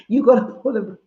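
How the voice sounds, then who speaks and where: A high-voiced woman from hosts a casual gossip livestream, sassy and animated. The sound is dull and lo-fi, and it echoes around the room. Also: noisy background. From Philadelphia, USA. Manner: sassy, animated, laughing asides.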